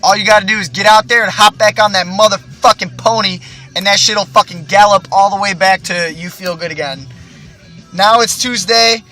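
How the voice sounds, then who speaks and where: A man's voice: sits high, fairly even intonation, normal speed, pushed and bright, faint music behind. A young man, telling a rambling, profane, boastful story in a casual monologue. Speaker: vlogger.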